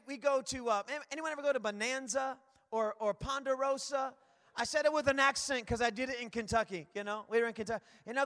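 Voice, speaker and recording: Male preacher, very high tense voice, calls out to the crowd, church hall echo. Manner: energetic, rambling, calls out to the crowd. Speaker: guest preacher. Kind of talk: lively church sermon. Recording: long hall reverb.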